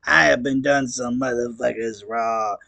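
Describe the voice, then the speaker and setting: A man's voice: medium pitch, steady tone, creaky, sharp tone, no echo. A man doing a sobbing, cursing clown troll. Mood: tearful ranting. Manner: slow drawling rant full of swearing. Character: sobbing male clown troll, crude and repentant.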